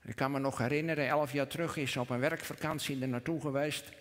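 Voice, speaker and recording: A man, preaching a sermon in church, earnest, rising to emphatic peaks and dropping to a hush. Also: mid-range voice, steady tone, fast talker. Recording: long reverb of a church hall.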